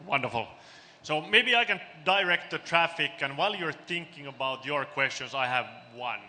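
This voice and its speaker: A man's voice: a little high, animated, moderate pace, bright, forceful tone. A man moderating a conference panel, upbeat as he directs the discussion. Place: large conference hall. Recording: long hall reverb, faint noise.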